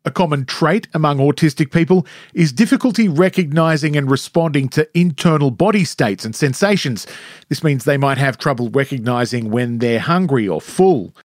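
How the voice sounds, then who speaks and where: A male reporter giving clear, scripted narration that explains facts for the audience. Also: on the high side, animated, normal speed, no echo, studio quality.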